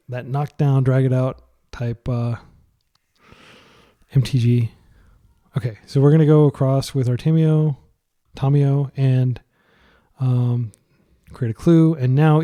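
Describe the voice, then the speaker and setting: A young male gaming commentator plays a card game and narrates his thoughts casually, chatty and filler-heavy. He speaks a little slowly in a dark, medium-pitched voice with fairly even intonation.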